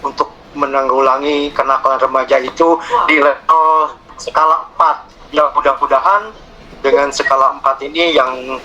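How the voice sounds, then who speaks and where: A man moderating an online meeting, speaking haltingly with many fillers and pauses. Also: mid-range voice, steady tone, sharp tone, muffled recording, a little hiss or hum.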